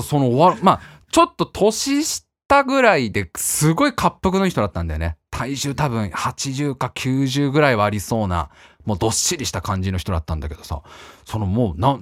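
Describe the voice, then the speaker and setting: A man hosting a talk show, telling a story in a casual, animated way and laughing often as he talks. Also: on the low side, no room sound, studio quality. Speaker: radio show host.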